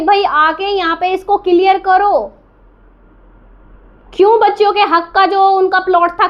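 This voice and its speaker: The audio is dull as an extremely high-pitched woman, a reaction vlogger, rants indignantly to camera. She fires rhetorical questions, stays defiant and repeats her points for emphasis.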